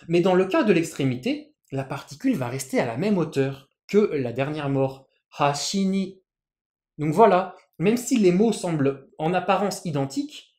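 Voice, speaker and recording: A Japanese language teacher explaining pitch accent patiently in a lesson, often repeating words and restarting phrases. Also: warm tone, echoey room. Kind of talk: explanatory lesson with written examples.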